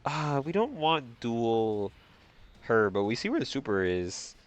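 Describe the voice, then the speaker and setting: With soft music playing behind him, a gaming video host offers casual, slangy commentary, repeating phrases to himself. His nose is stuffed up, so he breathes through his mouth. His voice is medium-pitched and very animated, a little slow.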